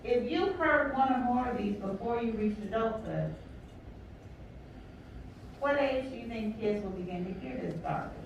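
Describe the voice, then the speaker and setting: A woman's voice: a little high, expressive, moderate pace, pauses often, slight background noise. A woman counselor gives an emphatic workshop talk to an audience, asking the room questions and repeating key words. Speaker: counselor leading a teacher training. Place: large echoey room with an audience. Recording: echoey hall from far off.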